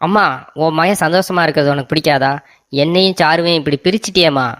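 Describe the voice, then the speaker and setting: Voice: mid-range voice, fast, fairly bright tone, dry recording, clean studio sound, close to an everyday voice. A voice actor playing a doting young husband in a cartoon comedy, coaxing and sweet-talking his wife.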